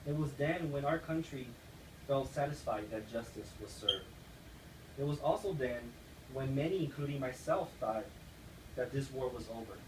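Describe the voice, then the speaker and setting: A man's voice: medium pitch, normal speed. A young man from the United States giving an earnest persuasive speech, read aloud like a class assignment. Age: young adult. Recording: echoey room, distant mic, noisy.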